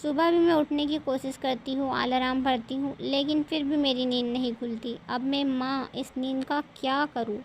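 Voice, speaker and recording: A woman's voice: sits high, fairly even intonation, moderate pace, hardly any pauses, a little hiss or hum. A woman voicing a sleepy, apologetic young wife who pleads meekly. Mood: pleading.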